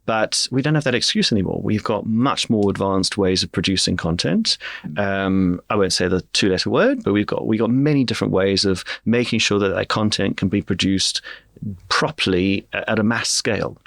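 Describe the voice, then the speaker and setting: Gravelly low-voiced man explaining. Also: expressive, fairly bright tone, no room sound. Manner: measured, explains at length with frequent "um" pauses. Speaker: guest, media director. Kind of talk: podcast interview.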